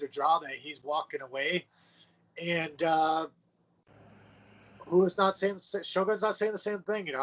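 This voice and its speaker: A man's voice: fairly high pitch, a bit bright. A man co-hosting a sports podcast, talking in a laid-back, casual way with plenty of fillers. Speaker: podcast co-host. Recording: muffled lo-fi audio.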